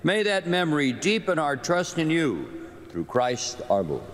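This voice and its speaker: A man, a priest, reciting solemn Mass prayers in measured, formal phrases, his voice echoing through a large cathedral. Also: a little high, wildly swooping pitch. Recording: long cathedral echo and reverb.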